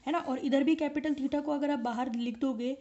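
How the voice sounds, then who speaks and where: A woman's voice: high-pitched, fairly even intonation, moderate pace, warm tone, muffled recording. A woman teaching an online physics lecture, explaining step by step and often checking whether students follow. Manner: explains step by step and keeps asking the class if they follow.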